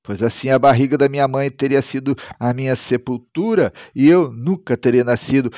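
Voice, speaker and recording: A male pastor reading scripture aloud in Portuguese-language worship style, dramatic, rising to loud cries on quoted lines. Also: medium pitch, normal speed, no echo. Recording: dull lo-fi recording, dry.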